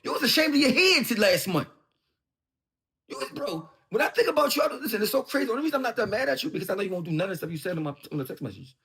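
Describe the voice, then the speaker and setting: Fast, animated taunting man from Philly. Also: high voice. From Philadelphia. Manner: taunting, mocking, heated. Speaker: show host. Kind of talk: ranting monologue.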